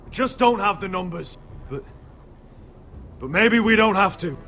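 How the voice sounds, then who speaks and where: A man's voice: sits high, expressive, a little slow, sharp tone, slight background noise, full character voice. An actor playing a defiant, resolute young nobleman in a dramatic video game, earnest and intense. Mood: fierce resolve.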